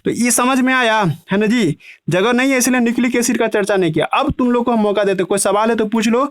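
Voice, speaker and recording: A man teaching a biology class online, in the style of a lecture. He keeps asking "है ना" and stretches key terms out slowly, word by word. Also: extremely high pitch, dry recording. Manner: breaks terms into slow emphatic chunks.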